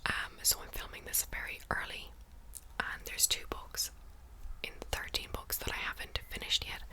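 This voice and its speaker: A woman whispering ASMR close to the mic in a casual book chat, breathy and unvoiced, softly repeating words and phrases. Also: moderate pace. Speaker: book review vlogger.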